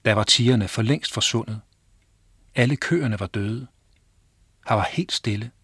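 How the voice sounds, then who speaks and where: A man reading his own children's story aloud, calm and clear storytelling. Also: fairly low pitch, dry recording, studio quality.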